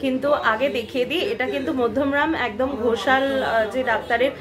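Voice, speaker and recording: A woman's voice: high voice, steady tone, fast, a crowd in the background. A woman vlogging casually, chatting and explaining things to her viewers with frequent fillers. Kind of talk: casual vlog narration.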